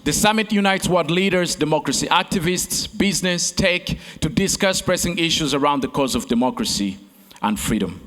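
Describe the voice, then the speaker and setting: Male keynote speaker, slightly high voice, oratorical repetition, stage mic in a big echoing hall. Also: expressive, moderate pace, a bit bright. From Uganda. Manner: repetitive oratory, addresses crowd as friends. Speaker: keynote speaker and competition host. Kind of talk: rhetorical keynote speech. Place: large conference hall stage. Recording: long reverb of a large hall.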